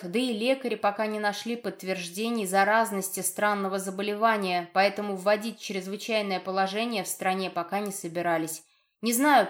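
A woman narrating a fantasy novel in the first person, in a lively, ironic storytelling tone. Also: medium pitch. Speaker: audiobook narrator.

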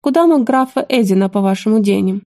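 A mocking, sharp-tongued old grandfather king, as a woman reader puts him on. His jabs come in a mellow, softened tone, recorded close and dry. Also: medium pitch, lively intonation, brisk, no echo, lightly acted. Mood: snide. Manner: snide, teasing.

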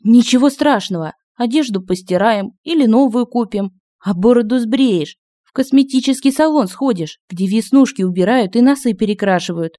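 A man putting on a bubbly high young girl. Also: normal speed, few pauses, mellow, dry recording, studio quality. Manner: bubbly, bursting with giggles. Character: cheerful excitable young girl.

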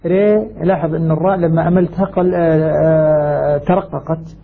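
A man teaching Quranic recitation rules in a measured scholarly way, with hesitant fillers and repeated key words. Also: fairly high pitch, fairly even intonation, gravelly, husky. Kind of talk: scholarly explanation. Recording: tinny phone-like sound.

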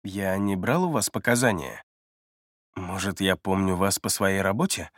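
A man's voice: sits low, moderate pace, fairly bright tone, dry recording, voice pushed down. Guarded middle-aged male detective, terse and subdued, as the narrator plays him; dry, close read.

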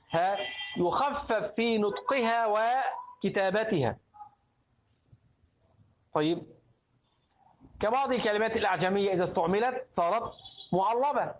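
High-voiced Egyptian teacher quizzing his class. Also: narrow, tinny audio. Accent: Egyptian Arabic. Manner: questioning students, prompting answers. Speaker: religious teacher. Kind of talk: classroom lesson on creed.

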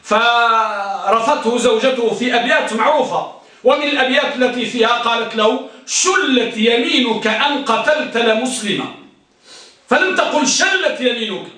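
A man's voice: extremely high pitch, moderate pace, sharp tone. A man teaching an Arabic grammar lesson, explaining words, repeating them and asking the class questions. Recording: echoey room, voice from far off.

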